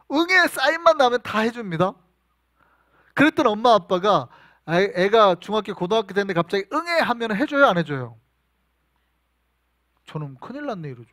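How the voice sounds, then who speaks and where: A male pastor preaching a sermon, telling animated stories and asking the congregation questions. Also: high voice, dry recording.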